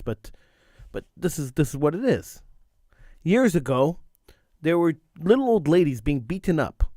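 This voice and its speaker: With a fairly high yet darkish-toned voice, a middle-aged talk show host pushes through a fervent radio monologue, repeating phrases emphatically for stress. His voice carries a slight cold, and the studio microphone sound is close and dry.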